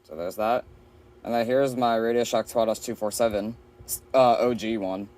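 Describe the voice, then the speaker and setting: Recorded at home beside his shelf of radios, a collector casually tours his weather radio collection for a show-and-tell vlog. He speaks in a lowish, slightly mellow voice with a steady tone and moderate pace.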